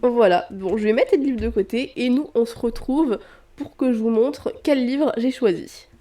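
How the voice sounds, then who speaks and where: A woman's voice: fairly high pitch, moderate pace, warm tone. A young woman vlogging casually about books in a chatty way, full of hesitations and restarts, in a room with traffic outside. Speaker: book vlogger. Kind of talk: casual vlog chat.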